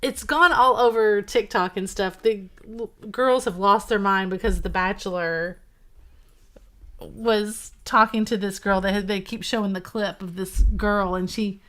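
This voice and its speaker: A middle-aged woman co-hosting a relaxed live-stream sale. She talks in a chatty, easygoing way and likes to tell little stories. She laughs easily between her lines. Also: mid-range voice, measured pace. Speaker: co-host of a live resale show. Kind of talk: casual live-stream chat.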